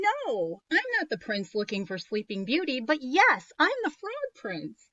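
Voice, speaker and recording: A woman's voice: high voice, a bit bright, no room sound, highs cut off, voice pushed up, exaggerated voice. A woman voicing an eager young frog prince who pleads insistently and gets flustered.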